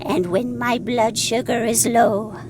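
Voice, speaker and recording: A woman voicing a weary, always-hungry magic portal spirit with a slow, droning manner, with noise behind her. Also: a little high, steady tone.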